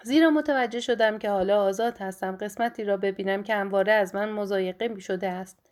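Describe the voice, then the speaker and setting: A woman narrating a first-person story in a measured, steady audiobook reading. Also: mid-range voice.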